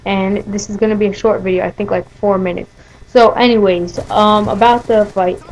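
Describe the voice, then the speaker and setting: A woman's voice: mid-range voice, steady tone, normal speed, darkish tone, lo-fi sound, a little hiss or hum. A teenage-sounding woman telling a story casually over gameplay, rambling with many fillers and restarts. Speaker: gaming video host.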